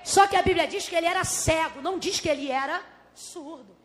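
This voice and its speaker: A Brazilian woman preaching a dramatic sermon, swinging from shouts to hushed asides and acting out the scene's characters in dialogue. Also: very high-pitched, a little fast. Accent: Brazilian Portuguese. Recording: long reverb of a large hall.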